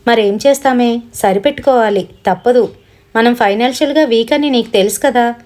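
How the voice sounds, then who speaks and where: Woman doing a coaxing young friend, pitched a little high, storybook read-aloud. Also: brisk, a little mellow, lightly acted.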